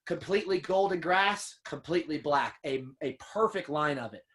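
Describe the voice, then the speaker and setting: A man's voice: fairly high pitch, animated, moderate pace, a bit bright. Earnest, emotional male hunter storyteller. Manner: emotional, earnest storyteller, says "man" and "dude" often. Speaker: podcast guest, upland hunter and dog kennel owner. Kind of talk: casual storytelling interview.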